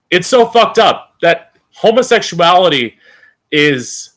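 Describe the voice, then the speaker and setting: A man's voice: a little high, pushed and bright. A man with a campy drag queen manner hosting an informal opinion monologue, emphatic and opinionated, with plenty of swearing. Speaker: podcast host.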